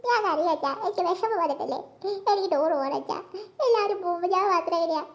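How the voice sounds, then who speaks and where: Woman doing a super high little cartoon girl, pleading and whining at her parents. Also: expressive, quick pace, a little hiss or hum. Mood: whiny pleading. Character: young schoolgirl, the younger daughter, eager and whiny.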